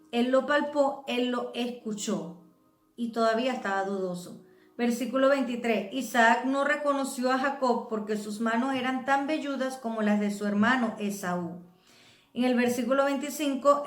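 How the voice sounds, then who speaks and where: A woman's voice: a little high, roomy sound. A woman with a Venezuelan accent preaching a sermon, explaining the scripture and checking in with her listeners. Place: church.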